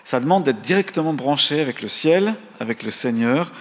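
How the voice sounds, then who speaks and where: A man's voice: mid-range voice, animated, moderate pace. French preacher man in a reverberant hall. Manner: teaching, reading out verse references, asks the congregation to pray aloud. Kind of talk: sermon.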